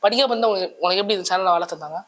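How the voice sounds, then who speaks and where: A cricket fan being interviewed on the street, scolding the interviewer in an exasperated way and often shouting back. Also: medium pitch, very fast. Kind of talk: heated street interview banter.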